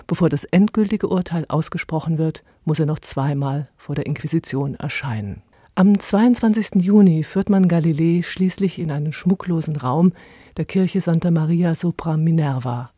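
A woman reporter reading a scripted radio feature in a measured, even way. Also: deep voice, no room sound, clean studio sound.

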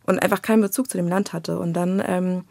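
Candid young Berlin woman with gravelly voice. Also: lowish voice, a little fast, dry recording. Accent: Berlin German. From Berlin, Germany. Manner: candid, reflective, slangy, quotes others in lively voices. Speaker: children's book and screenwriter, interview guest. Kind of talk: casual conversational interview.

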